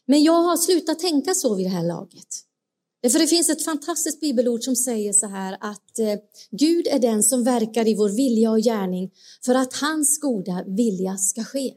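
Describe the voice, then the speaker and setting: Woman preacher, earnest, slightly high voice, asks the congregation questions. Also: mellow. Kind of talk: sermon.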